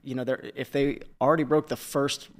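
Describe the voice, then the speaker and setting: A man with a mid-pitched voice co-hosts a relaxed conversation. He speaks thoughtfully, building his points slowly and leaning on fillers as he goes. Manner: thoughtful, uses many fillers like uh and you know. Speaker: podcast co-host. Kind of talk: casual discussion.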